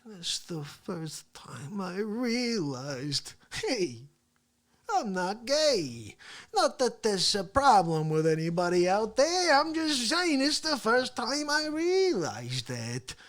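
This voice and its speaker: A performer playing a brash, boastful male talk-show host who rambles through a comedy rant, swinging between loud yelling and hushed asides. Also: mid-range voice, sing-song, takes it slowly. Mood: rambling, boastful. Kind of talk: comedic character monologue.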